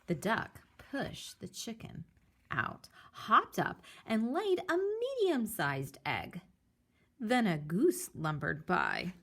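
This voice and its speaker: A woman reading a children's picture book aloud in an animated storytelling style. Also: medium pitch, takes it slowly. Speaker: story reader.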